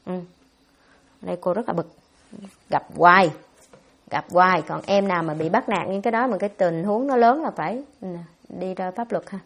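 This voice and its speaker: A Buddhist nun giving a dharma talk, answering questions in a blunt, scolding way. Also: female voice, mid-range voice, a little mellow, breathy edge. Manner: blunt, scolding, fast-talking.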